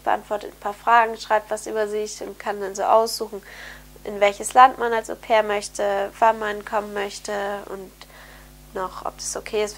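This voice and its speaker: A young woman vlogger who works as an au pair chats upbeat to camera in her bright bedroom, using lots of fillers. She has a cold, so her medium-pitched voice is nasal and slightly hoarse, with some throat clearing. The close-framed camera mic picks up a little hiss or hum.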